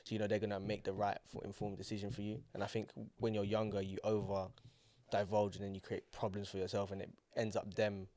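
A man's voice: on the low side, monotone, fast, darkish tone. A young man with a London roadman accent explaining his views in slangy, casual podcast talk. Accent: London, urban roadman slang. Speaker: podcast co-host. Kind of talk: casual chat.

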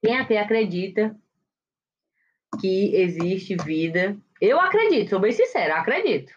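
A woman's voice: mid-range voice, sing-song, measured pace, lo-fi sound, a little hiss or hum. A woman hosting a casual gossip chat, chatty and dramatic, with exclamatory asides. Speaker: gossip show host.

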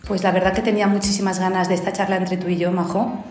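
A woman hosting a podcast, welcoming her guest warmly. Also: on the low side, level tone, fast. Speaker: podcast host. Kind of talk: podcast interview. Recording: echoey room with faint music.

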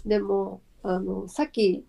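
A woman with a Kansai accent co-hosting a podcast, excitedly retelling events with little exclamations. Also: mid-range voice, takes it slowly, vocal fry, breathy edge. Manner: excited play-by-play retelling with sound effects. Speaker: podcast co-host. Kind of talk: casual chat.

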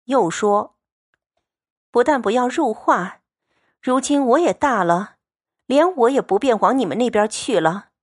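A woman's voice: a little high, expressive, a little slow, long pauses, no room sound, studio quality. A woman giving a storytelling lecture, retelling scenes and then explaining them in plain words. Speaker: lecturer on a classic novel.

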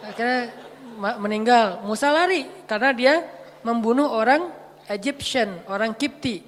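Woman preaching, jokey storyteller, fairly high voice, big hall echo. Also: moderate pace, a little hiss or hum. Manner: playful, animated, acts out dialogue with jokes. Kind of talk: storytelling sermon.

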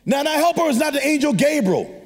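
A man's voice: extremely high pitch, sing-song, quick pace. A man preaching to a congregation in a conversational, exhorting way, often prompting listeners with questions. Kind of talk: energetic sermon to a congregation. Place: large hall, preaching to a live congregation. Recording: long hall reverb.

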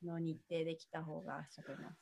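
A woman's voice: sits low, little pitch movement, fast, gravelly, mellow. A young woman from a small Japanese island, answering briefly and politely as an interview guest. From Hahajima, Japan. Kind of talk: casual interview chat.

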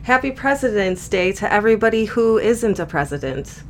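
A woman's voice: medium pitch, expressive, normal speed, a little hiss or hum. A young adult woman co-hosting a podcast in casual, candid chat, laughing often. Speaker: podcast co-host.

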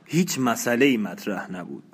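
A man reading a novel aloud as an audiobook, in slow, measured, even narration. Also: mid-range voice, breathy edge. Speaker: audiobook reader.

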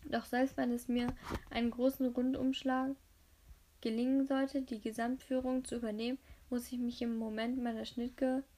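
A woman reading a novel aloud, with narration and dialogue in a somewhat high voice that stays close to one level. She often trips over words and starts again, and the dialogue comes out a little louder than the narration. Faint hiss and clicks sit in the background. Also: level tone, moderate pace. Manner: frequent stumbles and self-corrections. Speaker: reader of a novel. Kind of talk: amateur audiobook reading with dialogue.

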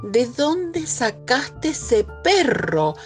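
A woman's voice: sits high, very animated, very slow, soft background music, heavily acted. A woman playing an exasperated, scolding mother with a Rioplatense accent. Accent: Rioplatense Spanish. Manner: stern, exasperated.

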